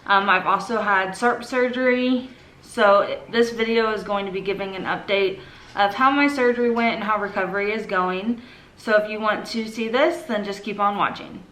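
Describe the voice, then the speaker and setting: A woman's voice: mid-range voice, moderate pace, a bit bright. A woman giving a casual introduction as a vlogger, talking straight to her viewers. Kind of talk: casual vlog intro to camera. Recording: echoey room.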